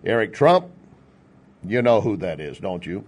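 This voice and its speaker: This political radio host, an American man from Texas, speaks in a lowish, darkish, sing-song voice at a measured pace. His style is folksy and conversational, with joking asides and rhetorical questions.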